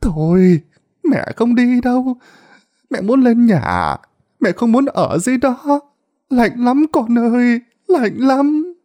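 A man's voice: very high-pitched, very animated, slow pace, warm tone, pitched above the performer's own voice, exaggerated voice. A man voicing a frail, starving old mother who pleads in a whimpering, wailing voice. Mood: pleading.

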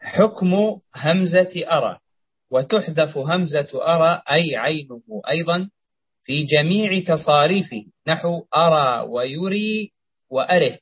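A man's voice: fairly high pitch, animated, unhurried, breathy edge, no room sound, lo-fi sound. A man reading a classical grammar text aloud for a lesson, in a plain reading voice.

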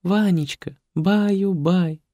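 Casual: guy putting on a sweet lullaby robot nanny, singsong, soft and high. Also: measured pace, no room sound, clean studio sound. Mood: lulling. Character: tender female care program, lullaby nanny.

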